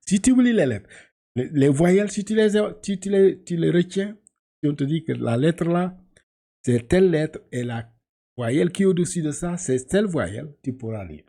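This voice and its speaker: A man's voice: fairly high pitch, animated, moderate pace, warm tone. A man teaching a class to read Arabic letters, patiently repeating syllables and often laughing as he explains. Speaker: Quran reading teacher.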